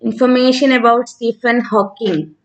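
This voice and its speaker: A woman's voice: a little high, fairly even intonation, normal speed, dull audio. A woman from Kerala with a South Indian accent, teaching informally on a live stream and talking conversationally as she answers students. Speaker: online physics teacher.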